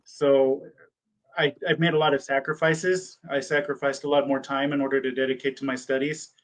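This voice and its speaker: A man in his thirties, born in Germany and raised in the United States with German as his first language, answers mock interview questions as a PA school applicant. His mid-range voice is flat and moderately paced, and he sounds hesitant, full of ums and restarted words. The audio quality is poor.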